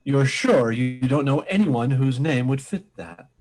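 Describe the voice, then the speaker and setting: In an old-time radio mystery, a man plays a calm, methodical police inspector whose questioning is deliberate and probing. His voice is medium-pitched, and the audio quality is poor.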